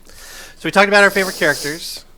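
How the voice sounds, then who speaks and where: A man with a high, bright, pushed voice hosts a family gaming video, chatting casually and playfully over gameplay while explaining things patiently. He talks fast. His tone is clean, but the audio is poor, and video game music plays behind him.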